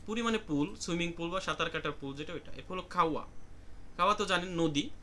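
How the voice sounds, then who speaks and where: A man's voice: high voice, fast talker, bright, forceful tone, a little hiss or hum. A man with a Bangladeshi accent teaching Japanese vocabulary in an online class, explaining each word and calling on students.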